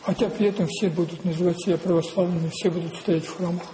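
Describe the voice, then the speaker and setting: A male preacher delivering a sermon in a dark, mellow voice. He talks slowly and deliberately, circling back to the same phrases and putting rhetorical questions to his listeners. A faint hiss sits under his voice. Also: high voice, fairly even intonation, low-quality recording.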